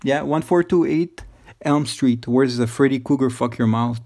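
A man's voice: medium pitch, normal speed, darkish tone. Profane, taunting man on a call. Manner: taunting, profane, mocking laughs. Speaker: scam-baiting video host.

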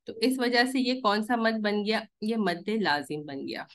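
Female online recitation teacher; unhurried, patient, keeps checking understanding over a call. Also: medium pitch, animated, fairly bright tone. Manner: patient, explains step by step with frequent "theek hai" checks; stretches recited vowels to counted lengths. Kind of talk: live online class instruction.

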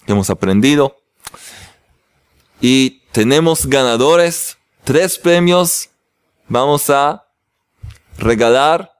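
A man's voice: medium pitch, smooth, dry recording. A man, a rabbi, teaching a religious class, joking with his audience and then explaining the text.

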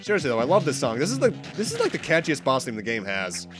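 With game music in the background, this stuffy-nosed young man hosts a let's play, talking fast in a mid-range voice whose pitch swings hugely. His commentary is casual and chatty, dotted with self-corrections and the odd laugh.

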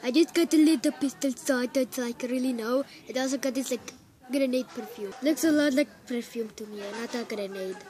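A woman's voice: high-pitched, fairly quick, music in the background. A woman improvising voices for soldiers in a homemade game video, rambling and goofy with lots of "like" and "uh". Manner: rambling and goofy, heavy use of "like" and "uh". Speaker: amateur video maker voicing game soldiers. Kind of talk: improvised game machinima voice-over.

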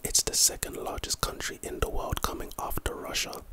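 Reading out trivia and reacting to it, a London-accented man from London, England, offers casual ASMR commentary that rambles, plays around, and leans on slang. He speaks at normal speed with a sharp tone.

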